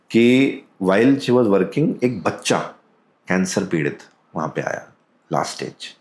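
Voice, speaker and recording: A man with a low voice and an Indian accent tells a true ghost story as a podcast guest. He speaks calmly and deliberately, mixing Hindi and English. His voice rings in a roomy echo. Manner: calm, deliberate, drops into quoted voices.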